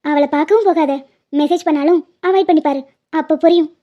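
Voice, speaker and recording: A woman's voice: high-pitched, fairly quick, close to an everyday voice. A woman voicing a bossy young college student who lectures her friend in a cartoon. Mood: warning. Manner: scolding, lecturing. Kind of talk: animated cartoon voice acting. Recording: dull lo-fi sound.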